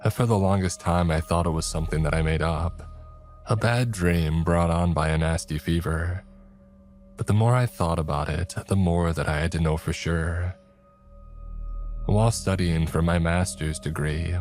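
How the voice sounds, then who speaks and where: Deep-voiced man narrating a horror story. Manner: slow, hushed first-person storytelling. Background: faint music.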